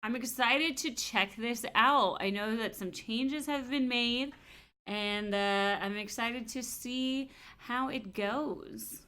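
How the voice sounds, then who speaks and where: A woman's voice: on the high side, takes it slowly, pushed and bright. A woman hosting a casual game livestream, chatting and greeting viewers as she corrects herself. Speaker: livestream host.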